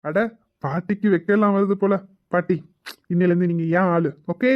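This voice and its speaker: A man's voice: high voice, steady tone, normal speed, dry recording, lo-fi sound, close to an everyday voice. A man doing a cheeky, teasing young grandson. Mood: playful. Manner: teasing, playful. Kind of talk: web drama voice acting.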